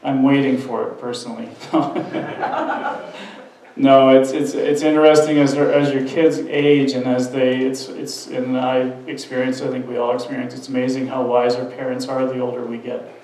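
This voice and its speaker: A man's voice: medium pitch, flat delivery, moderate pace, hardly any pauses, a little mellow, a little hiss or hum. An earnest, conversational male pastor preaching in a church sanctuary. His voice rings through a very reverberant room, picked up from some distance away by the mic. He often trips and restarts mid-sentence as he talks. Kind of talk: sermon.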